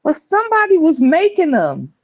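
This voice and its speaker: Woman on a thin, bass-less phone line. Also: huge pitch swings, a little mellow, no echo. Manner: playful, laughs often, drawn-out teasing replies. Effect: thin tinny phone-line sound with no bass. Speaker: podcast co-host. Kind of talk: casual chat.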